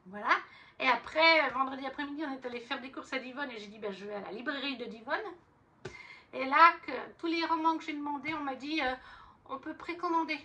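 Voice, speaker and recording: A woman's voice: sits high, a little fast, pushed and bright, far from the mic. A woman chatting casually about her books as a vlogger, rambling with fillers and restarts. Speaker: book vlogger. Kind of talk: casual chat.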